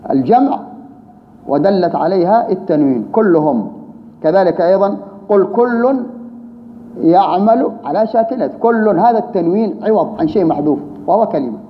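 A man with a high-pitched voice teaches grammar and explains it patiently. He repeats key terms and asks rhetorical questions. The recording is dull and lo-fi, with a long room reverb and a faint hiss underneath. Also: very animated, normal speed, pauses often.

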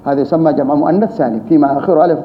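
High-voiced male grammar teacher, roomy. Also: racing. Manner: patient, repeats key terms and asks rhetorical questions. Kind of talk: explanatory grammar lesson. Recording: roomy reverb, dull lo-fi sound, faint hiss.

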